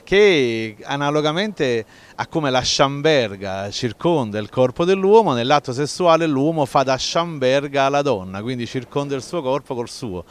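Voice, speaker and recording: A man's voice: medium pitch, lively intonation, normal speed, few pauses, clean tone. A man explaining in a conversational, playful way, with rhetorical questions and asides. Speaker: explainer of local dialect and folklore.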